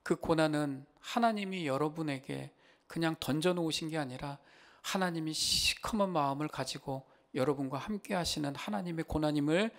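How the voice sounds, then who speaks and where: Male pastor, sermon delivery, impassioned, higher-pitched, rhetorical questions to the congregation. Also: creaky. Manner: impassioned, rising loud when voicing Job's complaints.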